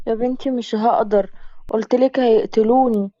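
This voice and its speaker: A woman's voice: fairly high pitch, steady tone, normal speed, dark tone, no echo, muffled recording, natural voice. A woman with an Egyptian accent voicing a wounded man on the run who pleads urgently for help. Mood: urgent pleading. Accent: Egyptian Arabic.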